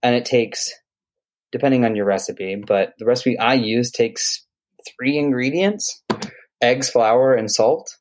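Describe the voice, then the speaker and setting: A man's voice: medium pitch, measured pace, a little hiss or hum. A man, a private chef, chatting casually and at length about food with enthusiasm. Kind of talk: casual conversation.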